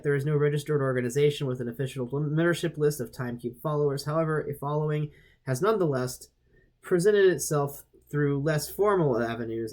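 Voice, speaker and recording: A young man casually reading a web page aloud and reacting, rambling with restarts and sudden jumps in pitch. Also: darkish tone.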